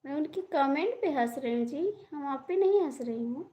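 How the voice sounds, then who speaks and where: A woman's voice: high voice, lively intonation, normal speed, dark tone. A young woman hosting a live stream, chatting casually and answering viewer comments.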